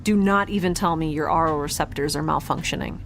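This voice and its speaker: In a naturalistic sci-fi audio drama, an actress plays a guarded, flustered young woman whose lines come out halting, defensive and rambling. Her voice is deep with vocal fry, and a little hiss or hum sits under the recording.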